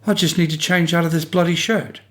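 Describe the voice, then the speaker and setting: A man voicing an injured, dazed husband who speaks in a flat, distracted way in an audiobook reading. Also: fairly high pitch, a little fast, pitched above the performer's own voice, close to an everyday voice.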